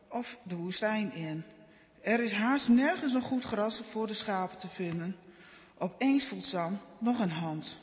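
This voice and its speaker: A man reads a children's Bible story in a gentle, measured way. His voice sits high and light, and a long reverb hangs on each sentence. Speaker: narrator.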